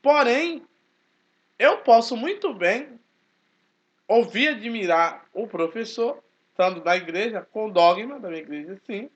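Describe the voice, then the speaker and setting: A man, talking casually to his channel in a forceful, emphatic way. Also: sits high, measured pace. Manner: speaks forcefully, animated and emphatic. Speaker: channel host, Baptist churchgoer. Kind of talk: casual spoken commentary. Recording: dull lo-fi recording.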